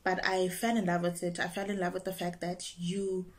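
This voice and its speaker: A woman's voice: lowish voice, moderate pace. A young woman from South Africa, an opera singer, chatting casually and expressively to her channel's viewers. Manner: bubbly, expressive, laughs and breaks into singing. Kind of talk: casual chat to camera.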